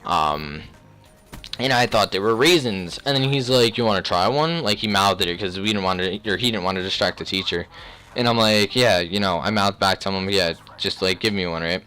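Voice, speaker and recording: A young man telling a personal story in a casual, rambling, slangy way, often clearing his throat. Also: deep voice, normal speed, pushed and bright, faint music behind. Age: young adult. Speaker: video creator.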